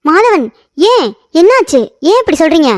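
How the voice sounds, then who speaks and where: A woman's voice: very high-pitched, very animated, normal speed. A woman voicing a hot-tempered young woman in a cartoon story, scolding and insulting sharply. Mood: worried.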